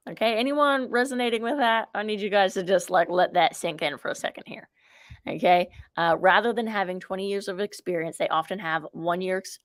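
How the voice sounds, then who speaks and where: Energetic woman coach saying "okay?" a lot. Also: mid-range voice, no room sound. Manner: energetic, repeats "okay?" and urges viewers to comment. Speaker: riding coach. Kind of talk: live-streamed riding lesson talk. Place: outdoors at a ranch. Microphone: phone camera held close.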